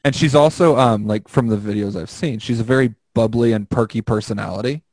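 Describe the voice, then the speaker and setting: A man hosting a podcast, chatting casually, loud, crude and joking, over a remote call. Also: lowish voice, a little fast, no room sound. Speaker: podcast host. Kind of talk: casual chat.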